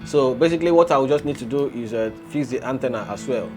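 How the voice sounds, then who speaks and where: A fast-talking gadget reviewer and video host with a medium-pitched voice hosts a casual review, explaining and demonstrating as he goes while music plays behind him.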